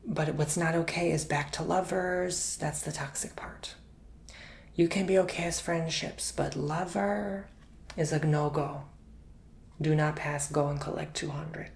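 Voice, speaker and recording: Soft-spoken man with a gravelly voice. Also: fairly high pitch, flat delivery, moderate pace. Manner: intimate, chatty, calls the listener honey and sugar; repeats words for emphasis. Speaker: tarot reader. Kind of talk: ASMR tarot reading, soft-spoken with whispers.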